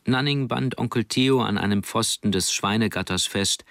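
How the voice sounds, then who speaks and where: A man calmly reading an audiobook as narrator. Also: lowish voice, normal speed, vocal fry, no echo, studio quality.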